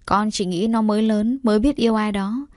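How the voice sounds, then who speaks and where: A woman voicing a furious, protective older brother in an audio story, fast and harsh. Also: medium pitch, fairly even intonation, dry recording, studio quality, close to an everyday voice. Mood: angry. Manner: shouting, harsh.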